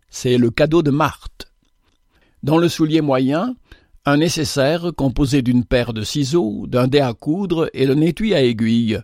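A man reading a classic tale aloud in a measured, gentle way. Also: medium pitch, no echo, clean studio sound. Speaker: narrator. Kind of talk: scripted storybook narration.

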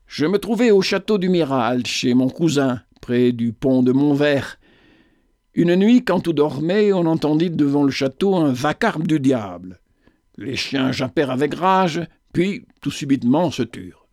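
A man's voice: mid-range voice, darkish tone, no echo, studio quality, lightly acted. A man reading as an old schoolmaster who tells an eerie tale in a grave storytelling manner.

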